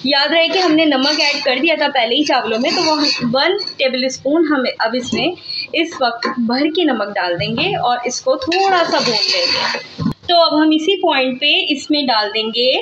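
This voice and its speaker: A woman's voice: high-pitched, expressive, moderate pace, muffled recording, noisy background. A woman from Pakistan with a Pakistani Urdu accent, explaining a recipe step by step in a chatty home-cooking style at her kitchen stove, filming on a handheld phone. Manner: chatty, step-by-step, repeats "theek hai". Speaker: cooking vlogger. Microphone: handheld phone camera.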